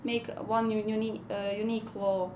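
A young woman from Bosnia and Herzegovina, an exchange student, answering interview questions softly and hesitantly. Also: medium pitch, little pitch movement, normal speed, noisy background. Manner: hesitant, soft-spoken, with restarts. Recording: roomy echoey room.

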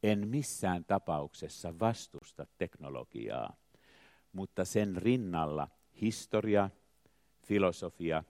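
An older man speaks in a very low voice, reflective and measured, reciting poetic lines and musing on art. His phrases swell and then fall away to a hush. The recording is dry and close, with no room sound. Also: animated, dry recording. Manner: slow, measured, poetic delivery with swelling emphasis and trailing quiet endings. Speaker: artist, choreographer. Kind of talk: reflective spoken essay with recited poetry.

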